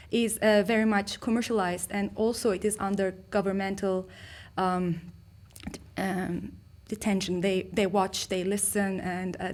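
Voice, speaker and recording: A woman's voice: medium pitch, darkish tone. A woman from Turkey, an artist and researcher giving a conference talk, speaking hesitantly with many fillers and restarts.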